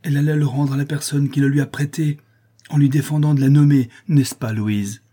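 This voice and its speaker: Storybook figure: an anguished aging artisan father, husky and mellow but raised and insistent, read by a man. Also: a little high, fairly even intonation, a little fast, pitched above the performer's own voice. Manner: pleading, agitated, raised voice.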